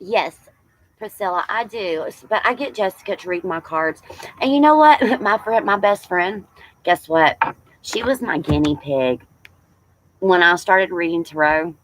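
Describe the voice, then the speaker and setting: A woman in her forties, a tarot reader hosting a casual livestream, chatting warmly with viewers and calling them y'all. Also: fairly low pitch, expressive, a little slow, a little hiss or hum, rough recording. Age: 40s.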